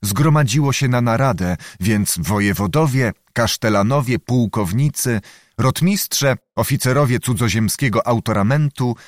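A man narrating a historical novel as an audiobook, in a measured, solemn reading. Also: medium pitch, dry recording, clean studio sound.

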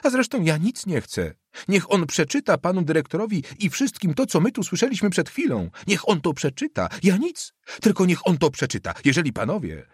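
A man voicing a defiant teenage schoolboy whose hoarse bass keeps breaking into falsetto, agitated and trembling. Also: wildly swooping pitch, brisk, no echo, clean studio sound, full character voice. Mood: shaking defiance. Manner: agitated, shaking, brazen.

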